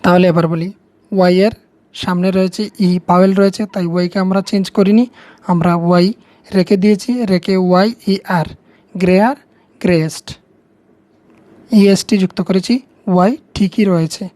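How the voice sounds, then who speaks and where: Woman teaching grammar, mellow and dry. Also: fairly low pitch, steady tone, moderate pace, long pauses, no echo. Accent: Bengali. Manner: patient, step-by-step explaining, repeats key words. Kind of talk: explaining English grammar to students.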